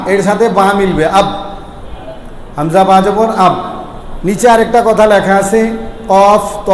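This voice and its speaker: A man's voice: high-pitched, a little mellow. Man, teacher drilling pronunciation; echoey room, faint noise. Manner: repeats sounds slowly, asks the class questions. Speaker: Quran recitation teacher. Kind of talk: explaining Arabic pronunciation lesson.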